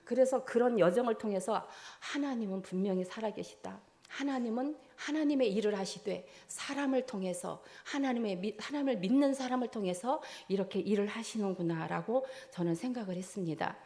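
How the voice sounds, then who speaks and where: Mellow-voiced woman giving church testimony. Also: medium pitch, a little fast, few pauses. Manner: earnest storytelling, acting out her own prayers. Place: church service.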